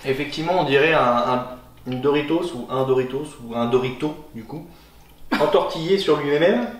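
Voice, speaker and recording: A man hosts a tasting in loose, casual conversation. His mid-pitched voice sits back from the microphone in a roomy, echoey space. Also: moderate pace. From France. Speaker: host of a snack blind tasting. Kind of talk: casual chat. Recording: roomy echo, distant mic, faint noise.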